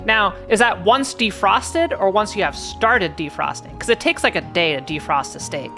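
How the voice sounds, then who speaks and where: A woman's voice: mid-range voice, animated, moderate pace, vocal fry, bright, forceful tone, soft background music. A woman streamer chatting casually with her viewers while playing a game, rambling and answering chat.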